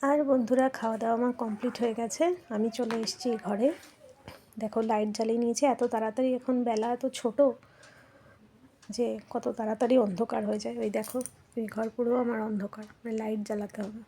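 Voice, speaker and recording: A woman's voice: on the high side, level tone, fast talker, warm tone, slight background noise. A middle-aged woman chatting casually to viewers in a home vlog, addressing them as friends. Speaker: vlogger. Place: home rooms.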